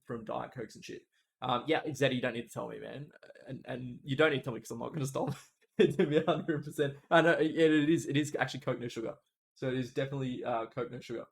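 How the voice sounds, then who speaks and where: A man's voice: mid-range voice, vocal fry, a bit bright. A young man streaming live, telling a long personal story in a rambling, casual way, swearing and restarting his sentences.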